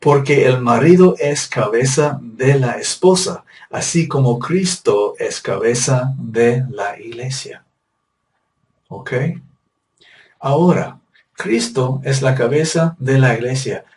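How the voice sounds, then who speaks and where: Man, preacher, sermon, emphatic, repetitive, mid-pitched voice, distant mic. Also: slow pace, a little mellow. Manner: emphatic, repetitive, rhetorical questions.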